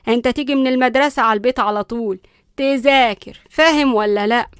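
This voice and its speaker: A woman's voice: fairly high pitch, fast, clean tone, no room sound, clean studio sound, natural voice. A woman voicing a fierce, bossy old grandmother with an Egyptian accent, scolding and threatening with sarcasm.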